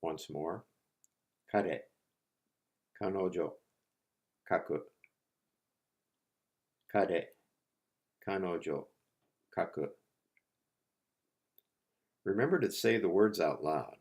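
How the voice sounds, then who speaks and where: A man teaching a language lesson, repeating each word slowly and patiently for learners. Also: low voice, animated, a little mellow. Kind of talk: slow, patient lesson narration.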